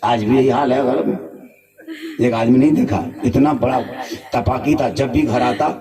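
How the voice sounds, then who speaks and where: A man from Jharkhand telling a comic religious tale in an animated way, acting out the characters. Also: medium pitch, moderate pace. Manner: animated, voices many characters. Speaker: religious storyteller. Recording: distant mic, crowd around.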